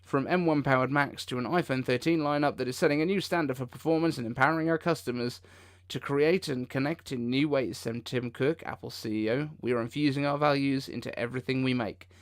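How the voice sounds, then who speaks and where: Speaking a little fast with hardly any pauses, a livestream host reacts live in his mid-pitched voice. His commentary is casual and improvised, tinged with disbelief.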